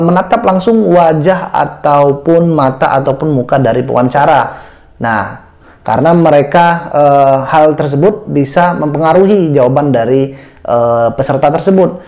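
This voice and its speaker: A man with a somewhat high but mellow, soft-edged voice explains interview tips one step at a time. He speaks straight to his viewers in a relaxed, informal teaching manner and often pauses on "eh" fillers. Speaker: tutor giving job interview tips. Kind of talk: casual spoken lesson to camera.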